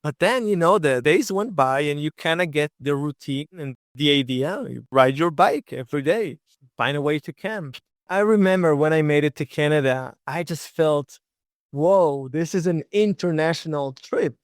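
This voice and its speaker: A young man from Israel chats easily in an interview, his voice sitting a little high for a man. He tells his stories in a loose, friendly way, dotted with fillers. The sound is dry and close, with no room around it. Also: lively intonation, moderate pace, no echo. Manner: easygoing, chatty, many fillers like "like" and "you know". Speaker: guest, long-distance bicycle traveler. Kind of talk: casual interview storytelling.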